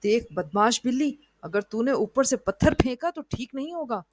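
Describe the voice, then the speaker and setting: A woman's voice: a little high, lively intonation, normal speed, no room sound. A woman voicing a small, clever male animal hero who scolds and taunts boldly in a storybook tale. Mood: defiant. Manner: bold, scolding and defiant.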